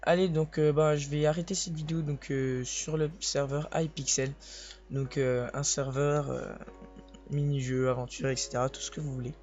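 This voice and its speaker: A young man with a sore voice, speaking softly and hesitantly as he comments on his own gameplay, often restarting his sentences. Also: a little high, level tone, normal speed. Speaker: gaming video host. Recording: slightly dull lo-fi recording with faint hiss.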